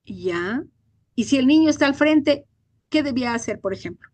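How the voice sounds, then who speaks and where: Woman teacher, earnest and indignant, a bit high, dry sound. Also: animated, moderate pace, a little mellow, dry recording. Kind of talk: online class lecture. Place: home.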